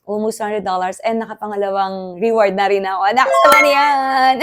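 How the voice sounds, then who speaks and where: A Filipino woman vlogging in a casual, excitable way, chatty and quick to laugh. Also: mid-range voice, heavy background noise. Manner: chatty, excitable, code-switching, laughs often. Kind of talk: casual vlog chat.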